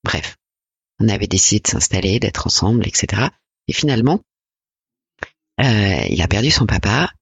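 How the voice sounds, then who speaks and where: A woman in her forties from France, a podcast guest talking reflectively and hesitantly about her life, with many pauses and fillers. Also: a bass voice, animated, vocal fry, husky, no echo. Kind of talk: personal interview conversation.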